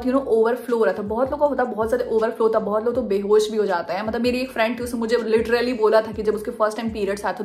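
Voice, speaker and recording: A young woman telling a personal story in a casual, animated way, mixing Hindi with English phrases. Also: a little high. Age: young adult. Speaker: vlogger.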